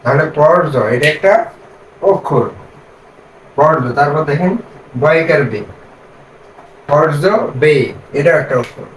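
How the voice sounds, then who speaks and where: A man teaching reading. He spells out syllables slowly, then asks the class questions and answers them himself. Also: fairly high pitch, a little hiss or hum. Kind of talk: step-by-step reading lesson. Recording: echoey room, mic set far off.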